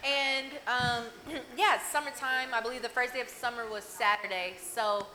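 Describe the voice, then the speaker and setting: A woman's voice: on the high side, fairly even intonation, normal speed, pushed and bright, a little hiss or hum, rough recording. A woman with an American accent hosting a casual talk show, teasing her guests and putting questions to them playfully. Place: live show with an audience.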